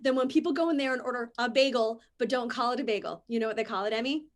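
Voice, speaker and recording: A podcast co-host with a highish voice talks fast while reading a news story aloud on a casual show. She rants playfully and laughs a lot.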